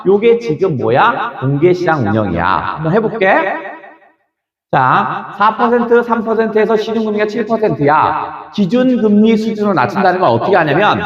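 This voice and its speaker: High, lively male lecturer in an echoey room. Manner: lively, fires rhetorical questions, acts out quick dialogues, chuckles often. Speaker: Korean language exam lecturer. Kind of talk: classroom lecture. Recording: echoey room, dull lo-fi sound.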